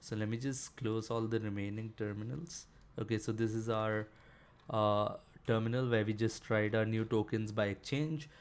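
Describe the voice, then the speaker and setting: A man's voice: on the low side, steady tone, normal speed, clean tone. Casual man walking through a coding demo. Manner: casual, filler-heavy explaining with frequent "uh" and "basically". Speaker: developer tutorial presenter. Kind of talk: screen-share coding tutorial.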